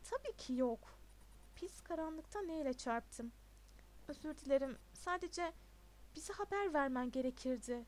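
Brief: a patient, level-headed teen schoolboy, read by a woman, high voice, storybook. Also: expressive, measured pace, darkish tone. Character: patient, sensible teenage schoolboy.

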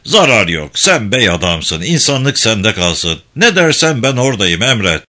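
A man's voice: fairly low pitch, big pitch swings, measured pace, sharp tone, exaggerated voice. A man voicing a hot-tempered male prison director who blusters and threatens. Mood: pleading.

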